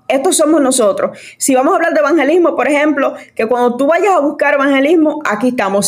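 A woman, passionately telling her story as an evangelist guest. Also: sits high. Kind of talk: casual testimony chat.

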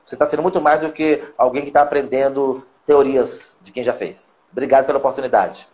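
A Brazilian man speaking as a psychoanalyst guest on a live-stream interview, talking in an animated, coaching way. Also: mid-range voice, fairly quick, dull audio. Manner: animated, coaching, acts out quotes.

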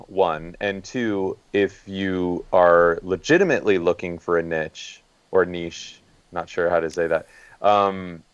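A man's voice: low voice, smooth, no room sound, lo-fi sound. A man speaking as a guest photojournalist on a podcast, plain and practical with some fillers. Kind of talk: casual podcast talk.

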